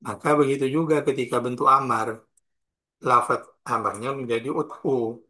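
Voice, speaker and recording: A man with an Indonesian accent teaching a grammar class in a bright, clear voice at an average pitch. He goes slowly and deliberately, spelling out each form and its examples one by one. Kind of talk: classroom lesson explaining grammar.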